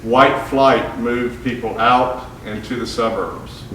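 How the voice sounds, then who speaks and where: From a distance in a very echoey hall, a man gives a public history lecture at a mid-range pitch with a steady, sharp tone. He begins haltingly, with fillers and restarts, before settling into reading prepared remarks. A faint hiss lies beneath the room sound.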